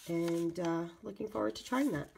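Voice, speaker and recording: A woman talks casually through an unboxing in a low, raspy voice with heavy vocal fry. She sounds stuffed up with a cold and moves haltingly between reading and commenting. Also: background noise. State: congested from a lingering cold. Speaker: video channel host. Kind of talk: casual product unboxing narration.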